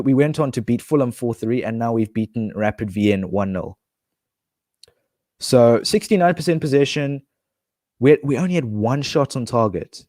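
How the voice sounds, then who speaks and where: A gaming streamer with a medium-pitched, darkish voice plays a football manager game, his nose blocked. He chats casually and rambles, full of restarts and fillers, in a dry, studio-quality recording.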